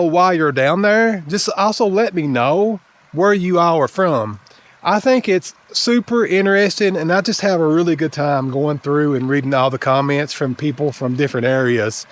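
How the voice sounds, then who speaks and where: Higher-voiced man with an Appalachian accent. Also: dry recording. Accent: Appalachian, eastern Kentucky. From eastern Kentucky, Appalachian Mountains. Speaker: channel host. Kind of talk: casual explainer talking to camera.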